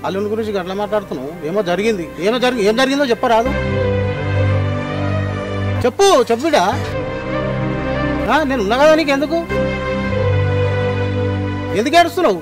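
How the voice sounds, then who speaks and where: A man's voice: extremely high pitch, a little fast, long pauses, loud music behind the voice. A man playing an anxious Telangana village father. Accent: Telangana Telugu. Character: worried village father, protective of daughter. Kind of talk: village family drama acting.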